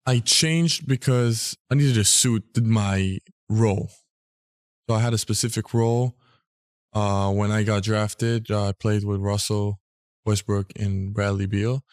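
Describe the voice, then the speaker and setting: Relaxed young man, low voice. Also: measured pace, dry recording, clean studio sound. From Israel. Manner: relaxed, filler-heavy speech. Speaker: guest athlete. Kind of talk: casual interview chat.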